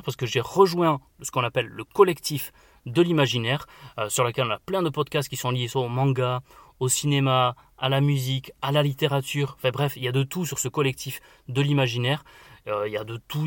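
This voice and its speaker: A man hosting a casual book podcast, chatty and enthusiastic, often filling pauses with "voilà". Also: mid-range voice, fairly bright tone, dry recording, clean studio sound. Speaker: podcast host.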